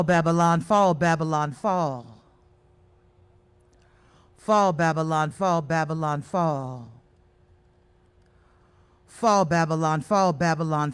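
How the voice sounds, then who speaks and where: Brief: woman poet, unhurried and rhythmic, chanting refrains, performing outdoors at a street memorial. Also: fairly low pitch, clear, resonant tone. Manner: slow, measured, rhythmic delivery with chanted refrains. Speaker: spoken word poet. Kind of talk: spoken word poetry performance.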